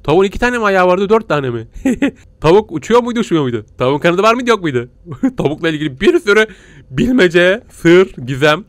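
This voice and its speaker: Excitable joking man gaming. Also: sits high, fairly quick, no echo. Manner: joking, excitable, bursts into laughter and silly noises. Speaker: gaming YouTuber. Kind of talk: let's play commentary.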